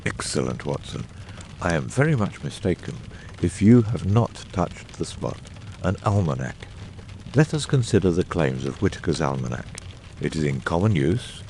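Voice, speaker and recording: In an audiobook drama, a man voices a brilliant middle-aged detective using a very low, creaky, slightly mellow voice. His delivery is exacting and theatrical, with erudite phrasing, big pitch swings and deliberate pauses, all in an analytical mood. There's slight background noise.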